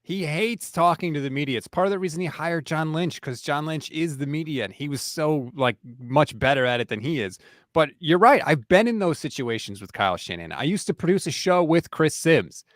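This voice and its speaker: Animated man in casual sports talk. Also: a little high, a little fast, dry recording, studio quality. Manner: animated storytelling, quotes coaches in their tone. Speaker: podcast guest, team beat writer.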